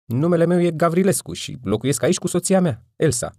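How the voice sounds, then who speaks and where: A man's voice: on the high side, expressive, a little mellow, no echo, studio quality, voice pushed up. A man doing a frantic, overly polite Gavrilescu. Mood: agitated. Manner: formal, anxious pleading. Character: flustered middle-aged man, polite and bewildered.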